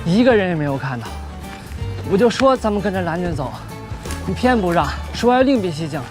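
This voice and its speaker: A nervous cameraman, fast, jumpy pitch, complaining, music behind. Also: big pitch swings. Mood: grumbling. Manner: nervous, grumbling. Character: timid complaining male cameraman.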